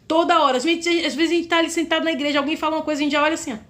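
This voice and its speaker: A woman's voice: high voice, fairly even intonation, racing, a bit bright. A woman with a Brazilian Portuguese accent preaching a fervent sermon, often calling her listeners brothers.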